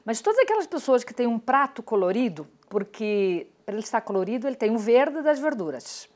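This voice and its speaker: A woman's voice: a little high, sing-song, a little fast, darkish tone. Confident woman in her sixties explaining. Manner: didactic, confident, explaining step by step. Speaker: nutrition doctor, guest. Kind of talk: explanatory interview answers. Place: TV studio set.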